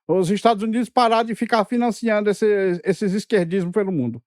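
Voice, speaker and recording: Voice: medium pitch, a little fast, darkish tone, dry recording, clean studio sound. A co-host making sarcastic, mocking asides in political commentary.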